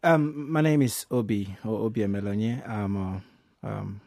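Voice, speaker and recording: A man's voice: lowish voice, normal speed, creaky, darkish tone, dry recording, clean studio sound. A Nigerian-born man, a filmmaker, speaking emotionally with many ums and repeated words. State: emotional, voice breaking. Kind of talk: emotional radio call-in comment.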